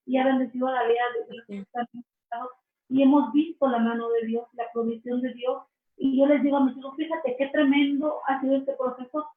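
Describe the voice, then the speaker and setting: A woman telling her faith testimony in an interview, earnest and slow, often restarting her phrases. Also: a little high, flat delivery. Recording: echoey, distant, phone-like sound.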